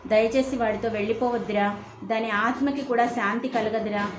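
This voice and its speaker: A woman's voice: a little high, fairly even intonation, moderate pace, noisy background, lightly acted. Woman doing a sobbing old grandpa, pleading, echoey room. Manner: pleading, tearful. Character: grieving elderly grandfather pleading tearfully.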